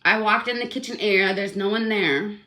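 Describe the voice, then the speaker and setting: A woman's voice: mid-range voice, brisk, sharp tone. A woman telling a personal complaint story in a casual, rambling, indignant way, full of fillers.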